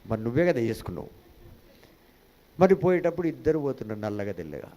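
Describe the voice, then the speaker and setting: A man's voice: mid-range voice, sing-song, quick pace, mellow. A male pastor preaching a sermon, calling out to the congregation for responses and dropping in English phrases.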